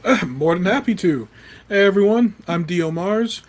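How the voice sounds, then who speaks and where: Cheerful, hesitant higher-voiced man. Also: lively intonation, normal speed. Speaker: tabletop player. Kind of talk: casual introduction on a game stream.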